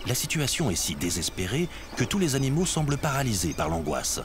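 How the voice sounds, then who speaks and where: A man's voice: medium pitch, very animated, brisk, background noise. A man reading scripted nature documentary narration. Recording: music behind the voice.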